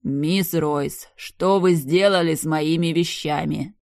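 A woman voicing a commanding, menacing man who speaks in a calm, threatening, measured way, in an audiobook. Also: low-pitched, vocal fry, dry recording, clean studio sound, full character voice. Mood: cold menace.

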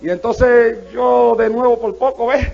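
Male pastor, strikingly high gravelly voice, fervent sermon delivery. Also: fairly even intonation, measured pace, lo-fi sound. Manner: fervent preaching with repeated praise interjections.

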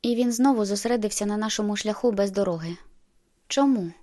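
A woman narrating an audiobook in the first person, with steady, measured storytelling. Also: mid-range voice.

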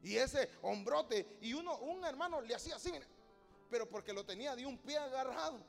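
High-voiced preacher in a reverberant hall. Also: male voice, expressive, brisk, creaky, faint music behind. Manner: storytelling, rising to loud exhortation. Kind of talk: sermon.

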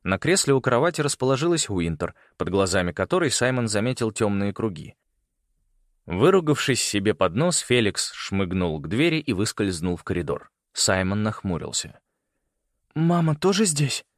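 A man reading an audiobook in scripted narration, expressive and voicing each character. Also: fairly low pitch, normal speed, dry recording, studio quality.

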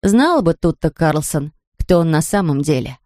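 A woman narrating a children's storybook in a calm, even storytelling manner. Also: deep voice, moderate pace, no echo, studio quality. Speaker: audiobook narrator. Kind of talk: storybook reading.

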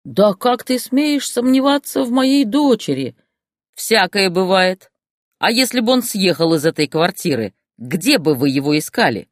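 A reader voicing a loud, bossy old village grandmother who scolds in a shrill, cursing voice. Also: very animated, measured pace, no echo, studio quality. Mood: indignant. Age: older.

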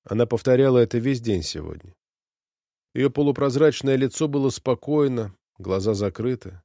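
A man's voice: medium pitch, warm tone, dry recording. Solemn male audiobook narrator, dry sound.

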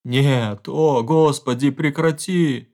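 A man's voice: medium pitch, moderate pace, close to an everyday voice. A man reading an audiobook voices a frightened husband who calls out anxiously and cries out in terror. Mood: terrified. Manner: calls out anxiously, then screams and sobs. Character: frightened middle-aged husband, pleading and terrified.

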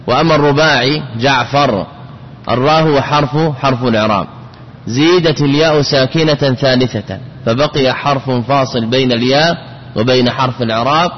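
A man's voice: medium pitch, brisk. A man teaching a classical Arabic grammar lesson, repeating words and spelling out patterns syllable by syllable. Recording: dull lo-fi recording with long reverb and faint noise.

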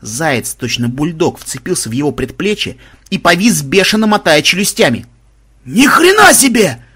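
A man's voice: on the high side, normal speed, sharp tone, slightly rough. A man reading a humorous adventure story aloud as an audiobook narrator, voicing each character's lines in turn.

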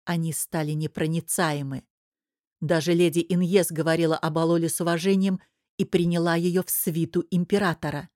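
A woman narrating an audiobook in an even, measured storytelling manner. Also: on the low side, no room sound, studio quality. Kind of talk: scripted narration.

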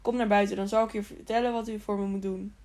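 A woman's voice: medium pitch, level tone, fast, a little mellow, close to an everyday voice. A woman reading an urgent old hooded stranger. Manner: urgent, pleading. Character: mysterious old man in a hooded robe, urgent.

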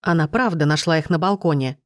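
A woman's voice: deep voice, fairly quick, no echo, clean studio sound, lightly acted. A woman voicing a protective, anxious young man in a storybook, speaking curtly. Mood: concerned. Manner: curt, commanding.

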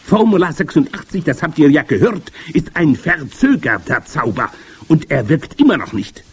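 A man voicing a commanding, evil old witch queen in a storybook reading, with shrill, gloating, theatrical speech. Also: very animated, normal speed, slightly rough, exaggerated voice. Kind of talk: audiobook character voice.

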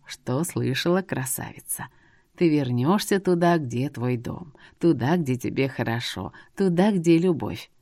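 A woman voicing a sly, teasing old male seer with a long beard who drawls slowly. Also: deep voice, lively intonation, warm tone, no echo, studio quality, voice pushed down. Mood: coaxing.

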